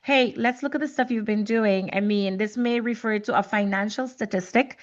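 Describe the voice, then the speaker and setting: Speaking at a normal pace with a medium-pitched voice, this podcast host from Trinidad and Tobago muses conversationally, frequently echoing her own words as she gropes for how to say things. The audio sounds dull.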